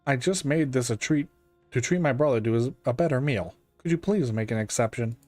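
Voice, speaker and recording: A man's voice: medium pitch, a little fast, a little mellow, no room sound, lightly acted. An earnest, deferential young man from a detective game , acted by a male player. He speaks as a pleading younger brother, recorded dry over faint music.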